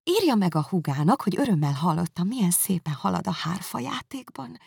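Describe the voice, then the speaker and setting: A woman reading aloud, voicing a fawning young society lady who gushes with flattery. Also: creaky, husky, no room sound, studio quality, heavily acted. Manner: fawning, effusive, shrill.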